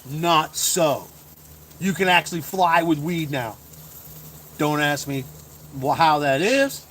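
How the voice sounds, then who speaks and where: A middle-aged man hosting a casual livestream chat as a comedian, rambling with lots of fillers and quick chuckles. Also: a little high, lively intonation, fairly bright tone, slight background noise. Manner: chuckling, full of fillers and restarts.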